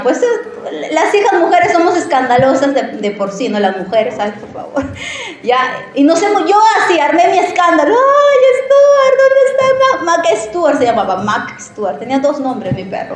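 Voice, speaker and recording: A woman with a high voice preaches in a church, mixing a sermon with a personal story. She talks in an animated, chatty way and keeps checking in with her listeners. Her voice rings through a very echoey hall. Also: normal speed. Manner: animated, conversational, often asks the audience questions.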